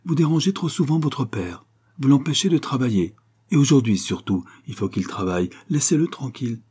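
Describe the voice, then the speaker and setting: A man voicing a vain, sharp middle-aged stepmother in a storybook reading, talking coldly and reproachfully. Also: medium pitch, expressive, fairly quick, slightly rough, pitched above the performer's own voice. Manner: cold, reproachful.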